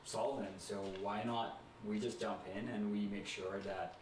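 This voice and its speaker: A man, a podcast guest, talking in a halting way and often restarting his sentences. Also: fairly low pitch, steady tone, distant mic. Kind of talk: casual podcast chat. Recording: echoey room, off-mic, faint noise.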